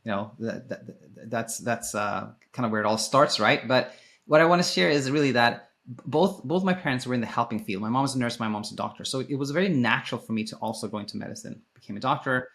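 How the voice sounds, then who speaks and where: Fairly quick and a bit bright at medium pitch, this male voice comes from a Swedish sleep coach and ex-sleep physician guesting on a podcast. His replies to the interview questions are informal and explanatory, and he rephrases as he goes.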